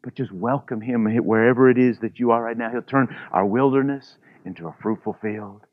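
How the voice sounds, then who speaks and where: A male pastor delivering a sermon in a chatty, informal style, slipping in frequent "you know" asides. His voice sits at an ordinary middle pitch. The recording is somewhat dull and lo-fi. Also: fairly even intonation, a little fast.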